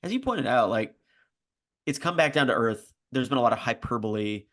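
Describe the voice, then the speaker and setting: A man's voice: mid-range voice, brisk. Laid-back man hedging in podcast chat. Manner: relaxed, hedging, many restarts and "like"s, bursts of emphasis. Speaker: podcast co-host. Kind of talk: casual sports podcast chat.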